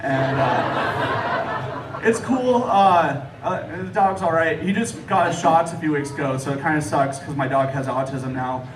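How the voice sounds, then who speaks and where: A man's voice: a little high, unhurried. A man doing a stand-up comedy set in a casual storytelling manner with hesitant asides, talking to a live audience. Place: echoey room with a live audience. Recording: roomy distant live recording, clear noise. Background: audience laughter and room noise.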